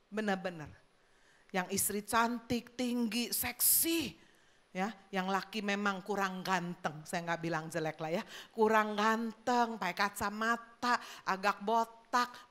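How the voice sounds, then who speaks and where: A woman pastor preaching a lively sermon in a church, telling stories and acting out the people in them. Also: a little high. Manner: lively storytelling, acting out gossiping voices.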